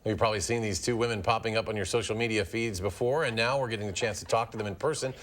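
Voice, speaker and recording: A man's voice: lowish voice, quick pace, a bit bright, slight background noise. A man with an American accent reading scripted news as an anchor.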